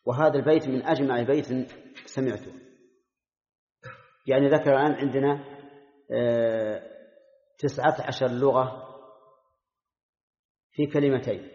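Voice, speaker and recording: A man's voice: mid-range voice, steady tone, a little slow, long pauses, a little mellow. Older male teacher in an echoey hall. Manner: drills pronunciations aloud, quizzes students by name. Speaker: Islamic scholar teaching a class. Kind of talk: classroom lesson with questions to students. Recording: dull lo-fi recording in an echoey hall.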